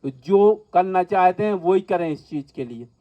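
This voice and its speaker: Higher-pitched man teaching a spiritual class. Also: expressive, normal speed. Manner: earnest, instructive, with stories and repeated emphasis. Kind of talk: spiritual healing lecture to a class. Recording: muffled lo-fi recording.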